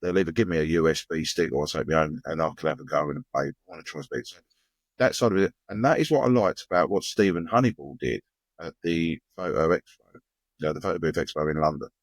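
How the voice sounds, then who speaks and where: A man's voice: a bass voice, quick pace, no echo. A man with an Essex accent co-hosting a casual podcast, chatty and full of conversational tag questions. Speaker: podcast co-host. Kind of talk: casual chat.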